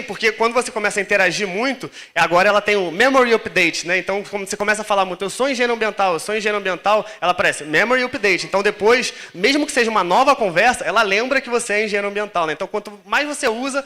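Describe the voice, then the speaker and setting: A man's voice: high-pitched, pushed and bright. A man with a Brazilian Portuguese accent giving a casual, joking live conference talk on stage and using lots of slang. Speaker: lecturer. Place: lecture stage with audience.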